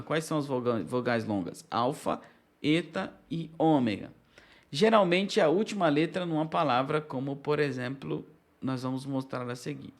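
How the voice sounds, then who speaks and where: Brazilian male teacher, slightly high-pitched, explains patiently and checks in often. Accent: Brazilian Portuguese. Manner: explanatory, with frequent check-ins and restarts. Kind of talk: recorded lecture on biblical Greek.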